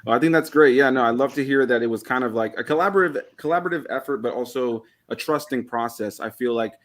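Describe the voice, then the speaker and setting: A man's voice: mid-range voice, fast talker, a bit bright. A man hosting a casual video interview, enthusiastic and full of praise for his guests. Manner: enthusiastic, complimentary. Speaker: interview host.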